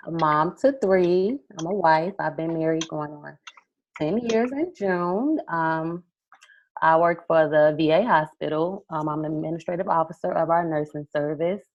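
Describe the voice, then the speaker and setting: A woman's voice: low-pitched, normal speed. Thirties woman guest, easygoing, muffled lo-fi sound. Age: 30s. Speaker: podcast guest. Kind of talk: casual podcast chat.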